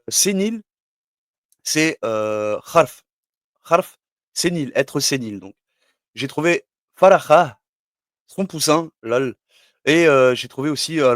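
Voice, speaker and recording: A man's voice: medium pitch, no echo, clean studio sound. A man giving a casual explanatory talk as a religious numerology teacher, rambling with many fillers and asides.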